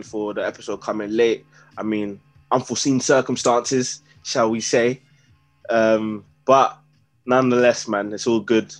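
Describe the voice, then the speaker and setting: Young guy w london roadman accent hosting a footy pod, slangy, repeats himself, casual. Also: medium pitch. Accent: London roadman, urban British slang. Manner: slangy, repeats phrases for emphasis. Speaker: podcast host. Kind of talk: casual football banter.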